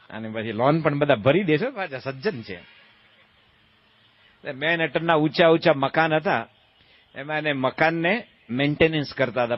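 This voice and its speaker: In a mid-range voice, a man who is a swami delivers a religious discourse full of stories, told playfully and folksily. He quizzes the crowd and performs character voices; the sound is lo-fi with no room sound.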